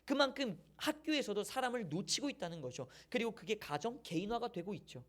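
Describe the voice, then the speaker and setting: A male pastor preaching a Sunday sermon, chatting with the congregation and asking rhetorical questions. His pitch moves in wide, animated swings. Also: brisk.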